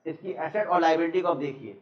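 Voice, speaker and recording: A man's voice: on the high side, fast. A male teacher giving a classroom lecture in a conversational way, asking questions and calling his students "beta", with an Indian accent in English words. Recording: echoey classroom, distant mic, muffled.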